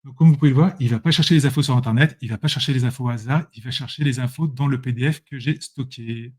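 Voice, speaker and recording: A man's voice: medium pitch, fast talker, a little mellow, husky. A man giving a casual live tutorial while sharing his screen, chatty and self-correcting, speaking straight to his viewers on a computer mic. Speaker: presenter demonstrating software.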